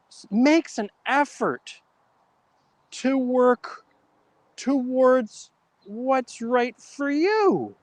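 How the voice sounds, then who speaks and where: A man's voice: very high voice, dry recording. A man hosting a live talk show, speaking casually with many restarts and stumbles, and telling a long joke in an easygoing way. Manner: chatty, self-correcting, jokey storytelling. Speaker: host.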